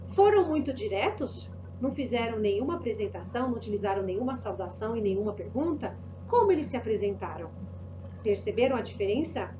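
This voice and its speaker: A Brazilian woman teaching an online Spanish class, encouraging and asking many rhetorical questions. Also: a little high. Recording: muffled lo-fi audio with background hiss.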